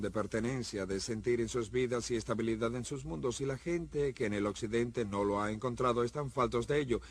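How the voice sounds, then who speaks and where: A man's voice: medium pitch, breathy edge. A man speaking reflectively, in a lecturing way, in a dubbed documentary interview.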